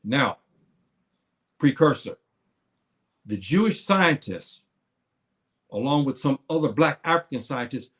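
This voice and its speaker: Halting seventy-year-old man talking to viewers. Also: medium pitch, animated, a bit bright. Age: 70s. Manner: halting, with many fillers and repeated words; repeats key phrases to his listeners. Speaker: livestream speaker. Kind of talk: casual livestream talk to viewers.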